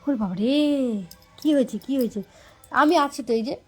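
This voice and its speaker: A young woman with a high voice talks to her snapping pet dog. She coaxes and pleads, repeating the same short phrases again and again. Faint music plays underneath. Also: a little fast, a little mellow, husky. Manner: soothing and pleading with repeated words. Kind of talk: coaxing talk to a pet.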